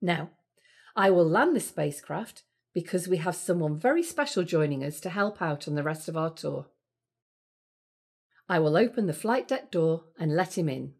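A woman playing a calm spacecraft captain, narrating a scripted planetarium tour with a steady, measured cadence. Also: lowish voice, gravelly, breathy edge, exaggerated voice. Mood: calm, guiding.

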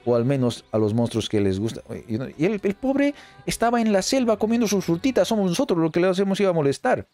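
A man giving excited let's play commentary, chatty and often repeating phrases in quick bursts. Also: high voice. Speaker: gameplay commentator. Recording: faint game music underneath.

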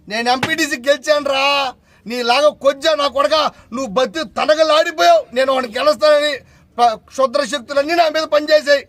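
A man, a local party leader giving a heated, confrontational press conference statement and repeatedly shouting insults. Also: very high voice, no room sound.

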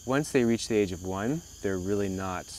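A man in his thirties giving unscripted, halting and reflective explanations as a wildlife guide. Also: lowish voice, darkish tone, slight background noise, rough recording. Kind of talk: unscripted talk to camera. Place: outdoors at an animal sanctuary.

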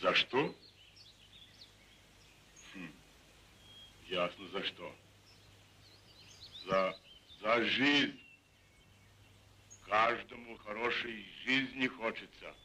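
Very slow, pondering peasant soldier. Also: male voice, fairly low pitch, sharp tone, exaggerated voice. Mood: thoughtful. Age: middle-aged. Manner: pondering, plain-spoken. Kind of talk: 1930s film acting. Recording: hissy 1930s film soundtrack.

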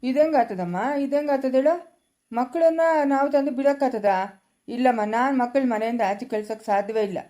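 In a family skit, a woman plays a firm, protective village grandmother with a rural Chikkaballapura Kannada accent and a questioning manner. Her voice is a little high and mellow, lightly acted, at a normal speed.

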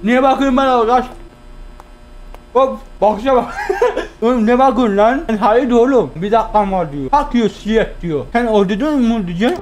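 A man commentating a horror game for his viewers, chatting to them and yelping and shouting when frightened. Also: extremely high pitch, lively intonation, moderate pace, slight background noise. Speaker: gaming YouTuber.

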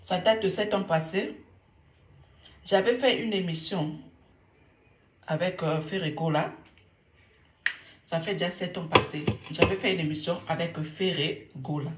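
Woman, live-stream host, slow and repetitive, roomy echo. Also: lowish voice, slight background noise. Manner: repeats words over and over, mixing French and Lingala. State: a little irritated. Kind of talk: casual live-stream monologue.

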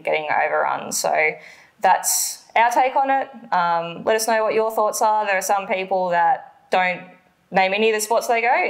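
A woman's voice: lowish voice, creaky. A woman in her thirties with an Australian accent, co-hosting a travel vlog from her living room, chatting casually with lots of ums. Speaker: vlog co-host. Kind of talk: casual explainer chat.

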